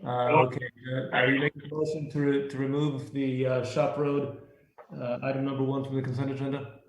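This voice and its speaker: An American man chairs a public meeting, running through formal procedure off the cuff at a fairly quick clip. His voice is mid-pitched and level in tone. The audio is noisy, with a roomy echo.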